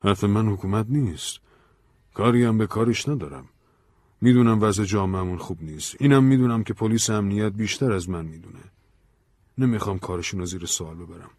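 A man voicing a weary, earnest man who explains himself calmly in an audiobook story. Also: on the low side, dry recording, close to an everyday voice. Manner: measured, tired. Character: weary, earnest man, Ben, calm and burdened.

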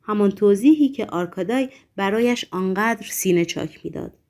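A woman reading a novel aloud in steady, measured scripted narration. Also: medium pitch. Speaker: audiobook narrator. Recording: faint background music.

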